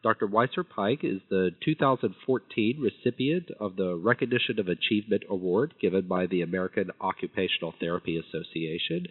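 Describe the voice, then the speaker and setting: A man hosting a phone-in call, reading an introduction in a friendly, upbeat way and repeating a word now and then. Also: fairly low pitch. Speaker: host of a phone-in chat. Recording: tinny phone line.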